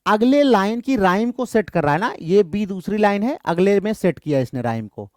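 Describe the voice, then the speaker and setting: A male literature teacher giving an exam-prep lecture. He keeps asking his students questions and then answers them himself, reads the English options slowly, then explains them quickly. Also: high-pitched, expressive, darkish tone, no echo, clean studio sound.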